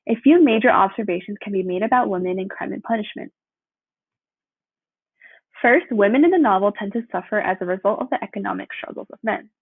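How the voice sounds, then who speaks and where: A woman's voice: mid-range voice, fairly quick, gravelly, husky, no room sound. Young woman reading a presentation over a tinny line. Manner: steady read-through with occasional slips and self-corrections. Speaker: student presenter. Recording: dry, tinny phone-like sound.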